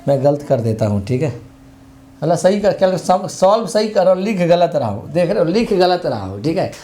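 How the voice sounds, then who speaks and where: A man's voice: a little high, sing-song, moderate pace, warm tone. A man teaching an online exam-prep lesson in a chatty, conversational way, mixing English words into his Hindi and repeating tag phrases.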